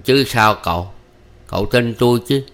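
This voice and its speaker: A man's voice: mid-range voice, moderate pace, fairly bright tone, close to an everyday voice. A man voicing a young injured husband with a Southern Vietnamese accent, weary, blunt and rustic. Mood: resigned. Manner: blunt, rustic, half-joking.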